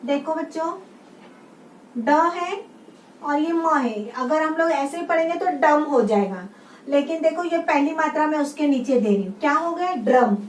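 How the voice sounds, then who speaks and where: A woman's voice: high-pitched, lively intonation, moderate pace. A woman teaching a class of young children, patiently repeating each word and quizzing the class on it. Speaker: schoolteacher. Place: room with a writing board. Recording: roomy sound, mic set far off, faint background hum.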